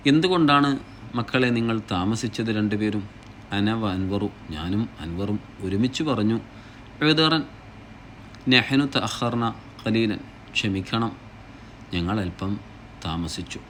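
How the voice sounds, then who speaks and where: A man's voice: medium pitch, fairly bright tone, a little hiss or hum. A man teaching a language lesson, reading each short phrase and then translating it, explaining step by step in a patient way. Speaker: Arabic teacher. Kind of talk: slow classroom explanation.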